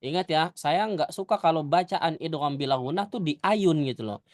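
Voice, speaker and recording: A man teaching Quran recitation rules, modelling verses slowly and correcting his students. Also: a little high, dry recording, clean studio sound. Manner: corrective, demonstrates recitation slowly then explains quickly. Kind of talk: recitation lesson.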